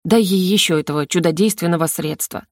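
A woman voicing a brisk, no-nonsense young female student who mocks her drunk friend, in an audiobook. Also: fairly low pitch, no echo, clean studio sound, natural voice. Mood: curt. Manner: curt and mocking. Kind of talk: audiobook character reading.

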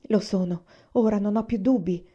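A woman's voice: medium pitch, moderate pace, mellow, lo-fi sound, lightly acted. A woman reading as Aiwan, an earnest young lover. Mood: urgent. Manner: urgent, then cool and curt. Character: earnest young man in love, intense.

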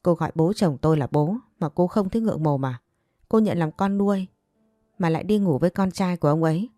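A woman voicing a composed young wife with a sharp tongue who cuts her rival down, in a narrated story. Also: on the low side, a little fast, no echo, clean studio sound, faint music behind, close to an everyday voice. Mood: furious. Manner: cool and cutting.

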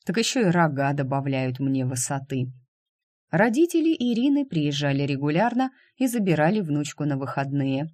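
A man reading a first-person novel aloud as an audiobook narrator, in a calm, even way. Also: a little high, normal speed, dry recording, studio quality.

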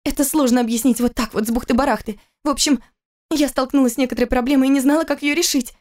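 A woman reading an audiobook voices a young pregnant wife who answers in high, agitated, insistent lines. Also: steady tone, quick pace, a little mellow, natural voice. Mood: defensive.

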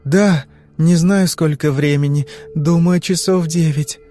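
A man voicing a frightened young woman under hypnosis, answering in anxious, halting phrases. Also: on the high side, fairly even intonation, dark tone, faint music behind, voice pushed up, natural voice. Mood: tense.

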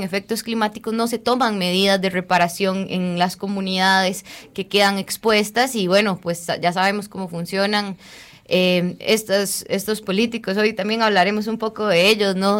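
Female radio co-host, mid pitch, relaxed conversational delivery. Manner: conversational, pausing to find words. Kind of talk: community radio talk.

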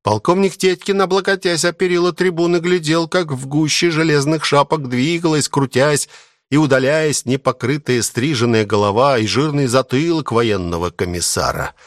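A man narrating a novel as an audiobook, reading in an expressive, animated way. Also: a little high, normal speed, dry recording, clean studio sound. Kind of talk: scripted literary narration.

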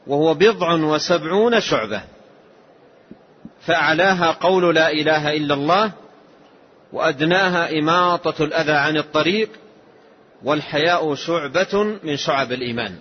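Husky man teaching a slow religious lesson. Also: on the high side. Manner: slow, measured, explanatory. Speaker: Islamic scholar. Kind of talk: religious lesson explaining a text. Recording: dull lo-fi lesson tape.

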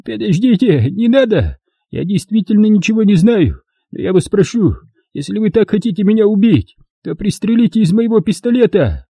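A terrified middle-aged dealer, voiced by a man reading an audiobook, begs for his life in a high, strained voice. His pleading runs babbling and near tears, husky and dark in tone. The reading is close and dry. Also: wildly swooping pitch, brisk, dry recording, full character voice.

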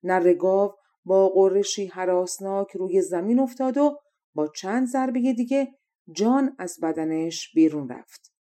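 A young adult woman narrating a fairy tale as an audiobook reader, calm and measured. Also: medium pitch. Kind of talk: storybook narration.

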